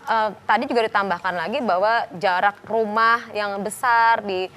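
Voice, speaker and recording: A woman's voice: medium pitch, steady tone, fairly bright tone, slight background noise. A woman explaining behavior as a guest on a television talk show, walking through ideas and acting out short imagined exchanges. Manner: explanatory, quick, quotes imagined dialogue.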